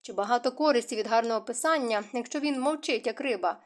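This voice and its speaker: A woman reading the lines of an angry, proud middle-aged duke who bellows and shouts in an audiobook. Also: on the high side, fast talker, close to an everyday voice. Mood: roaring.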